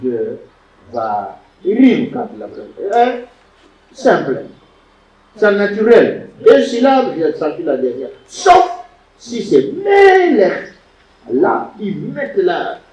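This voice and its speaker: In a dull, distant, lo-fi recording of a roomy classroom, a man teaches biblical Hebrew grammar, repeating words and testing his students as he goes. He speaks slowly in a high, sing-song, slightly mellow voice.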